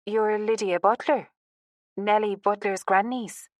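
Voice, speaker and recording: Woman reading as a calm, friendly man. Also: mid-range voice, unhurried, no echo, studio quality, lightly acted.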